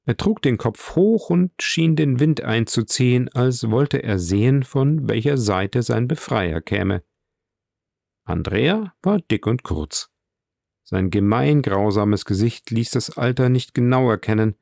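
Guy reading an old novel, low gravelly voice, dry close mic. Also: darkish tone, no echo. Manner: measured literary reading. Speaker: audiobook narrator. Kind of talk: scripted narration.

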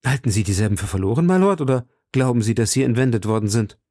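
A man's voice: medium pitch, fast talker, warm tone, no room sound, clean studio sound, lightly acted. A man reading an audiobook, voicing a young, earnest nobleman who asks worried questions.

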